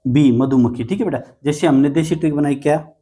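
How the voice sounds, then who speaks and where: A man's voice: a little high, a little fast, dark tone, breathy edge. A man teaching an exam vocabulary class, coaxing students with playful memory tricks and constant reassurances. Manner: coaxing, repeats "ठीक है बेटा", playful mnemonics.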